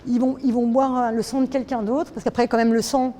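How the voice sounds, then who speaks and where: A woman's voice: fairly high pitch, little pitch movement, fairly quick, dark tone, slight background noise. A French woman artist giving a casual guided tour of her own drawing, hesitant, with many restarts and fillers. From France. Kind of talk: casual spoken explanation.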